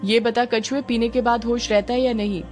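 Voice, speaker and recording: A woman's voice: a little high, steady tone, moderate pace, darkish tone, faint music behind, close to an everyday voice. A woman voicing a stern angry policewoman. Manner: commanding, scolding.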